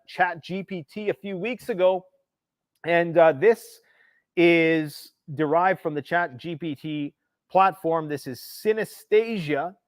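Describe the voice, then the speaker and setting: A man's voice: a little high, no room sound. A Canadian man hosting a political livestream, ranting emphatically and sarcastically about world events. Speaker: livestream host.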